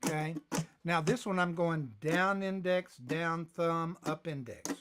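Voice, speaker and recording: A man teaching a ukulele lesson on a live stream, talking in a relaxed way while he plays and calls out tempos. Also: a little high, a little slow, heavy background noise. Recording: loud ukulele playing under the voice.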